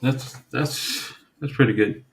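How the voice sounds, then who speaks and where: A man from the Dominican Republic co-hosting a podcast, talking in a relaxed, halting way with many fillers and restarts. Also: medium pitch, a little hiss or hum. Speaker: podcast co-host. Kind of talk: casual chat.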